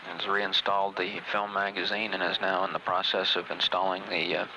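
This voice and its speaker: A very low male voice with a creaky edge delivers live space mission commentary over noisy radio. He is measured and factual, often halting as he explains procedures. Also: little pitch movement. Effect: radio relay.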